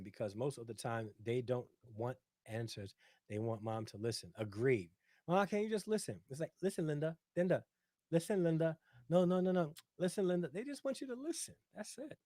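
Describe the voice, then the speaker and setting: Speaking briskly and expressively with a darkish, medium-pitched voice, this middle-aged man hosts a relaxed livestream. He chats on and on, reads out comments from viewers, repeats himself, and tosses in "right?" again and again. The sound is dry and studio quality.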